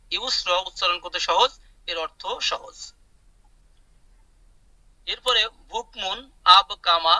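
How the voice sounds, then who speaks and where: A man's voice: high voice, bright, forceful tone, no echo, rough recording. A man teaching Arabic vocabulary in an online class, repeating words, explaining them and asking his students questions. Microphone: video call.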